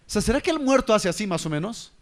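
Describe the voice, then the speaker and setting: A male preacher with a noticeably high voice delivers his sermon. He keeps throwing rhetorical questions at the congregation and checks in with a quick "¿ya?" as he goes. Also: sing-song. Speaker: pastor.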